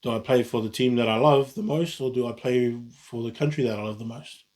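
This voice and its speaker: A New Zealand man vlogs alone in a relaxed way, his mid-range voice a little fast and a little mellow. His talk rambles, full of restarts and self-corrections.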